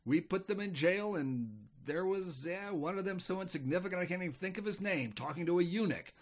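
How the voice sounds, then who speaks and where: A man's voice: high voice, expressive, brisk. Abaddon, a man doing a frantic stammering demon. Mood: aggrieved. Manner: stammering, agitated complaining.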